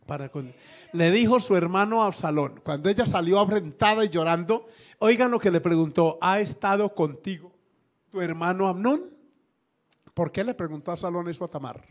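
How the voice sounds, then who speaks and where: A man's voice: sits high, moderate pace. A pastor preaching a sermon to his congregation, telling stories, acting out the people in them and joking. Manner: lively, acts out quoted voices, jokes with congregation. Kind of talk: sermon with storytelling. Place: church.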